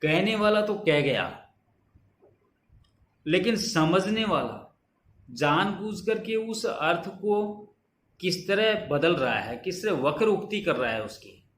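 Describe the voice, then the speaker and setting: A man with a slightly high voice who teaches at a very slow, deliberate pace. He recites example lines carefully and repeats each term. The room around him is echoey. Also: lively intonation, a bit bright. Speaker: Hindi grammar teacher. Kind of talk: explanatory lecture.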